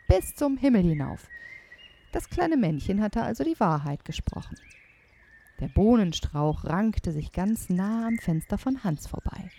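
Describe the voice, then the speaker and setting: A woman's voice: fairly low pitch, slight background noise. A woman telling a fairy tale aloud to children, speaking to them directly. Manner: animated, addressing listeners directly. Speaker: storyteller.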